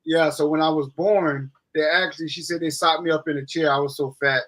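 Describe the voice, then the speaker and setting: A man's voice: fairly high pitch, steady tone, brisk, a bit bright. A man co-hosting a casual live stream, telling stories in an easygoing, loose way. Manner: easygoing storyteller, casual speech. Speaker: co-host of a paranormal live stream.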